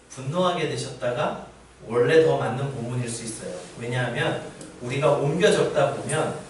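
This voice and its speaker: A male pastor delivers a conversational sermon and keeps turning to his listeners with questions. His fairly high voice reaches the mic from a distance. A big wash of church-hall echo surrounds it over a faint background hiss. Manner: conversational preaching with rhetorical questions. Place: church sanctuary. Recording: very echoey church hall from far off.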